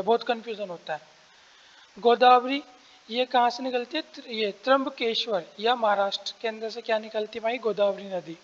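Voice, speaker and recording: Throat-clearing man teaching exam prep. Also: extremely high pitch, a bit bright, long reverb tail, dull audio. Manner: explains step by step, asks and answers his own questions; clears his throat often.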